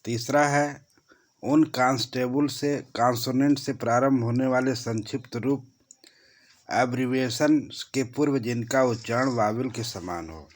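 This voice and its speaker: A man with a Hindi accent teaching a grammar lesson, explaining slowly and repeating key points. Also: medium pitch, fairly even intonation.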